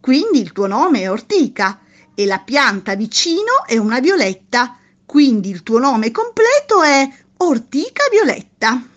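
A woman voicing a wise, kindly male gnome who calmly explains things with assurance. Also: high-pitched, a little slow, dull audio, exaggerated voice. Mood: assured.

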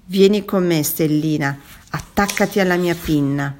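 A woman voicing a protective tuna in a children's story, speaking firmly and loudly. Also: fairly low pitch, moderate pace, a little hiss or hum, lightly acted. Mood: gentle. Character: kind, friendly big tuna.

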